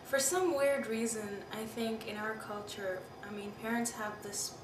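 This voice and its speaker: A Pakistani woman in her twenties gives a candid, reflective interview, recalling personal experiences and often saying "you know" and "I mean." Her voice is fairly high and a little slow, picked up by a distant mic in a roomy space with background noise.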